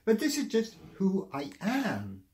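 Older male guest, animated and pitch-varied, dispensing folksy pep-talk advice. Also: slow pace. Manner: animated, folksy advice-giving with many "you know"s. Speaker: guest, music industry veteran. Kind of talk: motivational interview talk.

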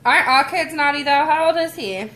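A woman's voice: high-pitched, fairly quick, pushed and bright. A young woman chatting casually with her viewers on a livestream, giggly and talkative. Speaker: vlogger.

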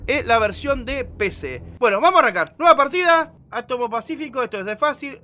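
A man's voice: very high-pitched, expressive, a little fast, bright, forceful tone, faint music behind. A man with a Rioplatense Argentine accent giving slangy, joking, casual livestream commentary on a video game. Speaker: game streamer. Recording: noisy game audio behind voice. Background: video game sound.

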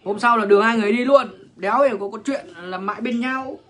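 A man's voice: high-pitched, fast, fairly bright tone, slight background noise. Blunt, foul-mouthed man. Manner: crude, profane, blunt, lecturing. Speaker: livestreamer. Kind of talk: livestream rant to viewers.

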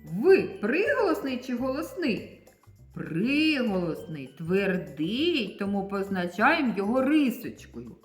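A woman teacher giving a slow, deliberate lesson to young children, stressing each syllable. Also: mid-range voice, very animated, soft background music.

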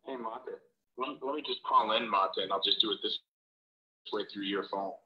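A man calling in, heard through a phone on speaker, talking in a halting, indignant way with many fillers. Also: fairly low pitch, breathy edge. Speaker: guest calling in. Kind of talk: casual recounting on a live stream. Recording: dull lo-fi phone sound.

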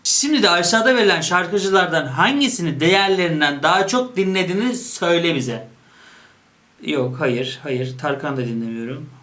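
Casting: playful young man, voice a bit high, casual quiz-video chat, quick to joke. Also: fairly bright tone. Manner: reads options aloud and jokes about each. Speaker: YouTuber. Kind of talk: casual chat while taking an online quiz.

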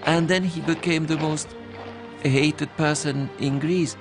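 A man interviewed for a documentary, recalling family history slowly and deliberately. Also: a little high, steady tone. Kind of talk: interview recollection. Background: music.

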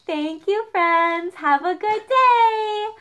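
Woman, children's music teacher, sing-song, unhurried, home dining room, camera across the room. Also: very high voice, expressive, bright, forceful tone.

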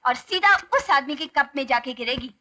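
Young woman, heroine's friend in film comedy; high, bright, challenging banter. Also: lively intonation, moderate pace. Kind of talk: Hindi film comedy acting.

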